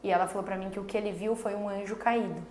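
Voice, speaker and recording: A Brazilian woman in her thirties telling a faith story about her son in an earnest, slow, casual way, full of little filler tags. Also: mid-range voice, fairly even intonation, a little mellow. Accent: Brazilian Portuguese. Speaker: mother sharing a faith story. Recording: echoey room with faint background noise.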